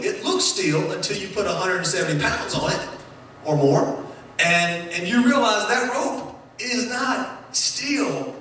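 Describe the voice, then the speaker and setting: A man preaching a sermon in a church, playful and animated, joking with the congregation as he talks. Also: high voice, a little hiss or hum. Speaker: pastor. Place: church sanctuary. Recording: roomy echoing church hall, mic at a distance.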